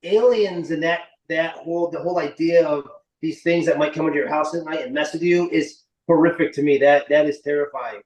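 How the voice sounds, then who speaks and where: A man's voice: a little high, brisk, a little mellow. Casual man in his forties, roomy sound. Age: late 40s. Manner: rambling, informal. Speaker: interview guest, indie film writer and director. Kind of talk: casual interview chat. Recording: roomy echo, slightly distant mic.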